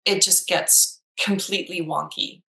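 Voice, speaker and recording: A woman with an accent that drifts between American and British, chatting casually with many halting restarts. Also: on the low side, steady tone, gravelly, pushed and bright, slight background noise, poor audio. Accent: shifting mix of American and British. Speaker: co-host. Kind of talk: casual chat.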